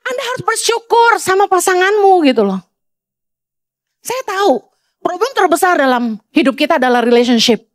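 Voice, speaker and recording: High-pitched lively woman pastor preaching. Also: moderate pace, no room sound, studio quality. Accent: Indonesian. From Indonesia. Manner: blunt, conversational preaching with scolding asides. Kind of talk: sermon.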